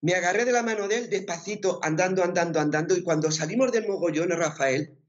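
A woman with an accent from Spain, telling her story as an interview guest in a lively way and repeating words for emphasis. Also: on the low side, fast talker, muffled recording. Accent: Spain Spanish. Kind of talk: personal testimony in conversation.

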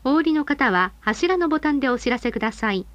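A woman with a high, lively voice reads scripted announcements to bus passengers in a formal, polite, carefully measured way. The recording is dry with no room echo, though it sounds muffled.

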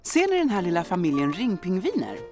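A woman voicing a cheerful adult female professor who briefs her team in a dubbed cartoon, brisk and instructive. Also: lowish voice, wildly swooping pitch. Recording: music bed behind voice.

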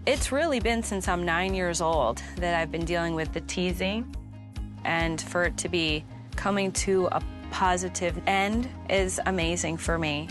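A woman's voice: lowish voice, a little slow. A young woman speaking earnestly and emotionally in a reality TV confessional. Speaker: patient. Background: background music.

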